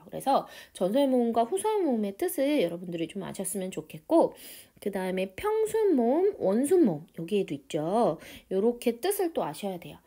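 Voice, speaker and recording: A female teacher gives an online grammar lesson in a cheerful, emphatic way. Her pitch swings widely as she stretches out key terms. The voice itself is mellow and warm rather than bright. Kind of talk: online lecture.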